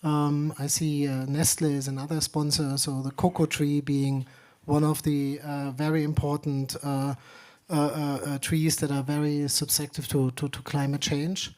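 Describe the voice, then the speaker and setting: A man's voice: fairly high pitch, level tone, moderate pace, darkish tone. A middle-aged man from Germany, speaking on a conference panel with many fillers and dry humor. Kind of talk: panel discussion.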